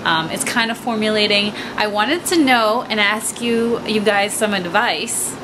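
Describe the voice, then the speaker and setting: A woman hosting a casual home vlog, chatting straight to her viewers in an easy, conversational way. Her voice sits at a middle pitch. The recording is noisy, with a steady hiss under her voice. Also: a little slow. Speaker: vlog host. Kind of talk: casual chat to camera. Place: apartment.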